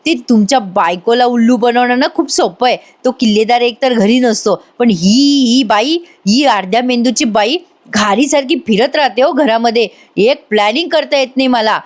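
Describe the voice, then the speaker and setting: Scheming young woman, high voice, snippy; a woman reads her out. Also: moderate pace, close to an everyday voice. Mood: scornful. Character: scheming young woman, sharp-tongued daughter.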